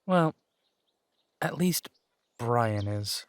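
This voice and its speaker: In an immersive roleplay audio drama, a man voices a gentle, dry-humored werewolf private eye who is also a younger brother. He speaks softly, wryly and very slowly in a mid-range voice with lively intonation and a thoughtful mood, over slight background noise.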